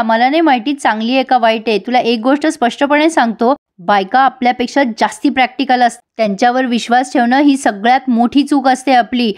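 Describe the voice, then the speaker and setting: A woman's voice: high voice, close to an everyday voice. A woman voicing a bitter, cynical older brother who lectures with disdain.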